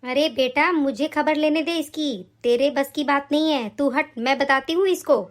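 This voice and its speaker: A woman's voice: high voice, normal speed, close to an everyday voice. Woman voicing a domineering mother-in-law. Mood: scolding. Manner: harsh, scolding. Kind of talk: animated cartoon voice acting.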